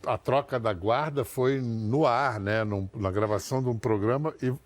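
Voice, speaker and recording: A man's voice: mid-range voice, moderate pace. Conversational male talk show host. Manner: probing, conversational. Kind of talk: interviewing.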